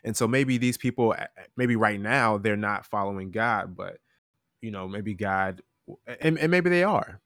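A man talking earnestly about end times in a casual Bible chat, halting with many restarts. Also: lowish voice, fairly bright tone, no echo, clean studio sound.

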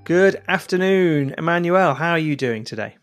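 A man's voice: a little high, lively intonation, normal speed, faint music behind. A man with an English accent hosting a podcast interview. He talks in a friendly, chatty way and restarts his sentences often. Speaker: podcast host.

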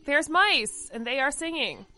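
Bright, lively woman reacting with laughter. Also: high voice. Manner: animated, laughing, quick reactions. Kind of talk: casual movie-watching commentary.

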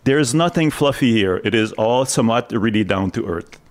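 A man's voice: mid-range voice, expressive, brisk. A man hosting a live radio show, explaining his subject earnestly in a semi-scripted narration. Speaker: radio host.

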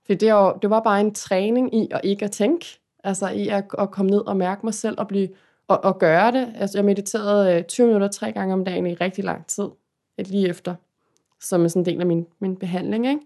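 A woman's voice: medium pitch, a little mellow. Woman host in casual talk, open and confiding. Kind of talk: casual chat.

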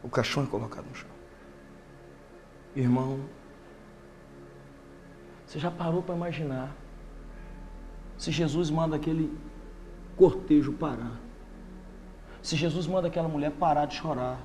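Impassioned high-voiced preacher. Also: male voice, normal speed, pauses often, slight background noise. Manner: impassioned, swinging between loud bursts and hushed intensity. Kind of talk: sermon.

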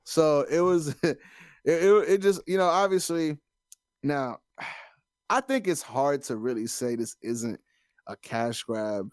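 A man's voice: fairly high pitch, slow pace, pauses often, clear, resonant tone, no room sound, clean studio sound. A man chatting casually as a podcast host, slangy and opinionated.

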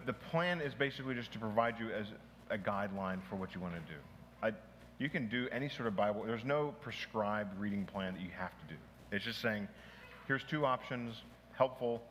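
A man's voice: fairly low pitch, fairly bright tone. A male pastor teaching a small church group in an informal, conversational way, with restarts, asides and questions to the group. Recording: long hall reverb, faint noise.

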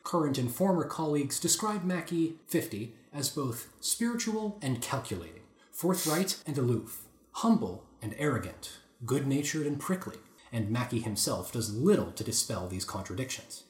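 A man hosting a podcast, reading an article aloud in a casual chat with lively asides. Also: mid-range voice, normal speed, hardly any pauses. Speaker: podcast host. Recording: roomy echoey room.

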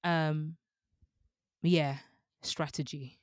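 A woman's voice: deep voice, fairly even intonation, extremely slow, no echo, clean studio sound. A young woman, co-hosting a casual book discussion podcast, chatty with many fillers and frequent laughs. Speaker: book club podcast co-host.

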